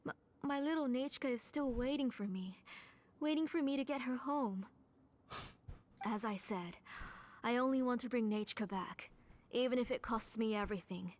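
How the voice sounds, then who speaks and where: A woman playing a grieving, obsessed villain mother in a video game, delivering a measured, brooding monologue that slips toward breathy near-whispers. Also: a little high, lightly acted. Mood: desperate resolve.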